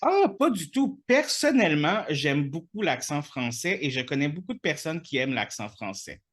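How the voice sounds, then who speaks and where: A man's voice: a little high, big pitch swings, normal speed, fairly bright tone. A man with a Québécois accent hosting a casual podcast chat, playful and joking with his guest. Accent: Québécois French. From Quebec. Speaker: podcast host.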